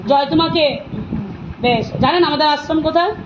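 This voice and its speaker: A woman's voice: high-pitched, moderate pace, roomy sound, distant mic, lo-fi sound, background noise. A woman at a religious gathering questions attendees and lectures them in an insistent, preachy, scolding manner. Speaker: spiritual volunteer handing out free remedies.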